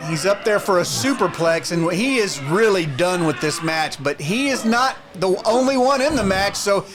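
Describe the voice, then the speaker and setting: A man doing excited, dramatic wrestling commentary as the lead announcer, emphatic and fond of rhetorical questions. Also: sits high, normal speed, music in the background.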